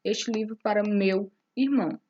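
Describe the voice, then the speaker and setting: A woman's voice: medium pitch, moderate pace, warm tone, lo-fi sound. A woman teacher explaining a lesson step by step, often checking in with her students. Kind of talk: recorded classroom lesson.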